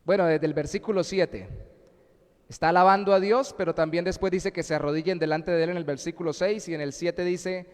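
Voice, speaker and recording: Male pastor, slightly high voice, deliberate sermon delivery with scripture readings, echoing church. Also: fairly even intonation, clean tone. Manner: reads scripture aloud and explains it, deliberate. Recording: live stream in a reverberant church.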